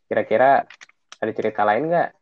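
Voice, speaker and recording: A man's voice: fairly low pitch, brisk, narrow, tinny audio, a little hiss or hum. A man, co-hosting a podcast in laid-back casual chat. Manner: brief, laid-back interjections. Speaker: podcast co-host.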